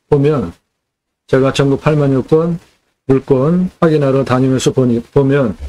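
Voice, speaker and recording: A man's voice: on the high side, darkish tone. Indignant scolding Korean man. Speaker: land sales channel host. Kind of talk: political rant monologue.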